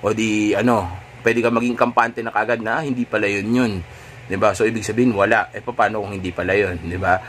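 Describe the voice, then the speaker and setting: A man's voice: on the low side, fairly even intonation, a little fast, fairly bright tone, a little hiss or hum. A man coaching listeners on dating in a casual monologue, and often checking in with rhetorical tags.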